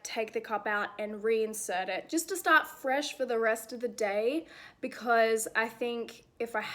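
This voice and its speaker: A young woman hosting a casual review vlog, chatty and encouraging, with frequent "like" fillers. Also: on the high side. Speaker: women's health video host.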